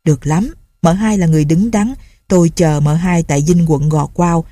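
A woman's voice: fairly low pitch, moderate pace, mellow, no room sound, studio quality, natural voice. A woman doing a greedy, eager corporal. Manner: eager and bargaining.

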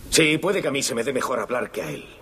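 A man's voice: medium pitch, lively intonation, fast, fairly bright tone, husky. An actor playing a condemned Italian anarchist man giving a solemn, impassioned final statement in court, in a dubbed film.

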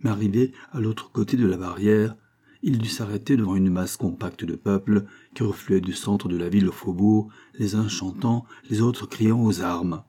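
A man narrates a classic novel in a low, dark voice with a husky edge. He reads steadily and evenly, lifting his pitch and volume for the characters' lines. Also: fairly even intonation, normal speed. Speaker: audiobook narrator.

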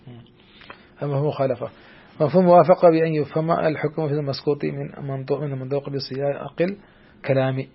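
Over dull audio, a man teaches a classical Islamic legal text to a student in a hesitant way, with lengthy fillers, restarts, and frequent checks that the student follows along. His voice is fairly high, shows vocal fry, and keeps a fairly even intonation.

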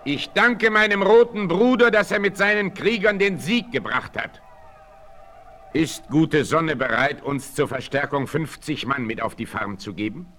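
Bold frontier hero Old Firehand, bright, forceful. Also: male voice, fairly high pitch, unhurried. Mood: solemn. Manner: declamatory, resolute, commanding. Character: bold, commanding male frontier hero and hunter. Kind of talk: 1960s German radio-play acting. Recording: 1968 vinyl radio play, noisy.

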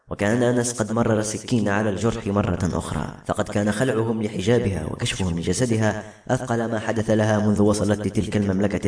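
A man narrates a novel at a brisk, expressive clip. His voice sits somewhat low. The recording is roomy and echoey.

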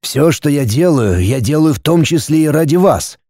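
A man's voice: a little high, expressive, moderate pace, warm tone, dry recording, studio quality, voice pushed up. A man doing a driven, stubborn scientist. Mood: persuasive, reassuring. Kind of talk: audiobook character reading.

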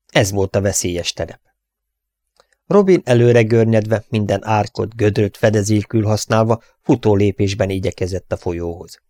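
Low-voiced male audiobook narrator. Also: darkish tone, dry recording, studio quality. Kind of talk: scripted narration of an adventure novel.

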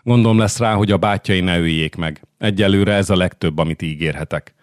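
A man voicing a composed noblewoman who speaks solemnly and measured, in an audiobook. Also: low-pitched, no room sound, clean studio sound, lightly acted. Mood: reassuring. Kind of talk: audiobook character voice.

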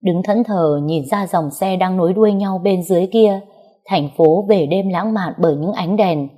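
A woman narrating a novel in a soft, even storytelling manner, reading the characters' dialogue quietly. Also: lowish voice, moderate pace. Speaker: audiobook narrator.

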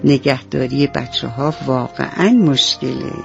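A woman's voice: extremely low pitch, creaky, full character voice. A woman voicing a young male duckling, an eager and dutiful big brother who talks to the little ones earnestly and soothingly. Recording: dull lo-fi radio recording with soft music.

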